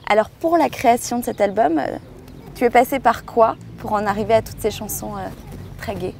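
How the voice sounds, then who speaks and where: A woman's voice: fairly high pitch, a little fast, creaky, a little mellow, slight background noise. A woman interviewer asking questions conversationally in an encouraging, supportive manner.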